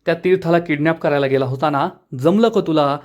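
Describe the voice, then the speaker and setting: A man's voice: on the high side, fairly quick, a little mellow, natural voice. A man reading the lines of an angry, domineering older male politician who taunts his son with scorn. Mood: taunting.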